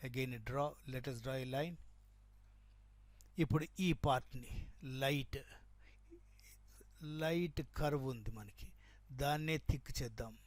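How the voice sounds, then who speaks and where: In a dry recording, a medium-pitched man teaches shorthand in a mix of Telugu and English. Stroke by stroke, he draws and explains, repeating terms and confirming with "right?" that the students are following.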